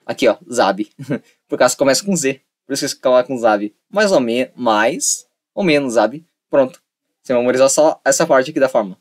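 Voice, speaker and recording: A man's voice: medium pitch, animated, fairly quick. A young man giving a casual, repetitive lesson and acting out little dialogues to make a point. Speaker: online tutor.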